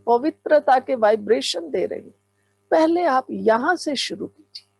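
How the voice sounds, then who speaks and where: Slow, high-voiced woman leading meditation. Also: a little mellow, no room sound. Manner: fervent, exclamatory, addresses listeners directly. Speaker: spiritual teacher leading meditation. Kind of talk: guided meditation talk.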